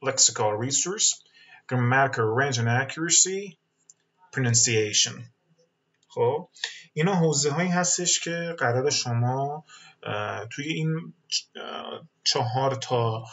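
Guy teaching english exam prep over a webinar, patient, lots of uh pauses, kinda dull lo-fi sound. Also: medium pitch, a bit bright. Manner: explains patiently, mixes English terms into speech, frequent filler pauses. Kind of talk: webinar lesson.

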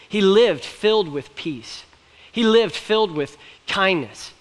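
Here a young male pastor, his voice high and a touch bright, gives an earnest, conversational sermon sprinkled with light jokes. He stands on a church stage facing a large hall, and the room's long reverb is clearly audible.

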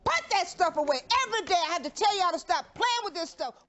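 A woman's voice: extremely high pitch, expressive, fast talker, fairly bright tone. A woman teacher giving firm, directive instructions to a class. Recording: dull lo-fi classroom recording.

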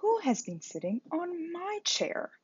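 A woman's voice: very high voice, very animated, takes it slowly, no echo, pitched above the performer's own voice, full character voice. A woman voicing an indignant mother bear in a read-aloud storybook. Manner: exclaiming, indignant. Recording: dull lo-fi recording.

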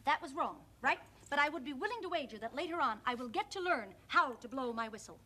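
A woman's voice: high-pitched, lively intonation, quick pace, bright, forceful tone. An actress playing Millie, a literal-minded rookie policewoman in a children's TV comedy sketch, speaking in stiff, formal phrases.

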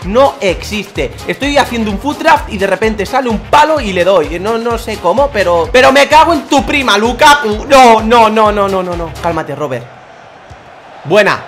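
A young man commentating his football video game, shouting, groaning and swearing as he plays. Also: sits high, animated, moderate pace, hardly any pauses, faint music behind. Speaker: gaming youtuber. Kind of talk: excited gameplay commentary.

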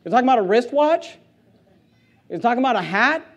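A man preaching a sermon as pastor in a church. He reads scripture slowly and with weight, and his delivery swings between quiet asides and loud, forceful emphasis. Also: very high voice, lively intonation, highs cut off.

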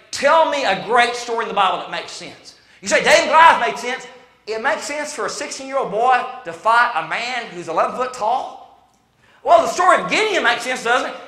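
High, bright preacher in his fifties. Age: 50s. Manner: animated, conversational preaching with stammered restarts. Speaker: interim pastor. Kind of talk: sermon. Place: church sanctuary. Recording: roomy church sanctuary echo.

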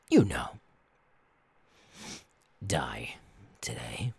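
A menacing clown pirate captain in an ASMR role-play. He is theatrical and gleefully cruel, drawling very slowly in a raspy, husky voice that swoops from hushed threats to barks. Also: low-pitched, dry recording, exaggerated voice. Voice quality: raspy, gravelly.

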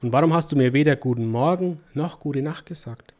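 A man reading aloud as a gentle, loving king from a children's storybook, speaking calmly and reassuringly. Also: on the high side, brisk, natural voice. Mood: tender. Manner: calm, tender, reassuring.

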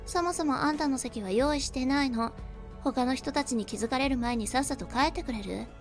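A woman voicing a spoiled, contemptuous young bride in a storybook drama, with a shrill, whiny manner. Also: fairly quick, faint music behind. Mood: sneering.

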